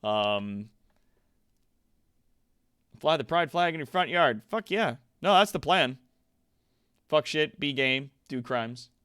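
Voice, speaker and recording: A livestream host chats casually with his viewers from a home streaming room, swearing freely and tossing in animated asides. His medium-pitched voice is clear and resonant, and he speaks slowly with frequent pauses. The recording is dry and studio-clean.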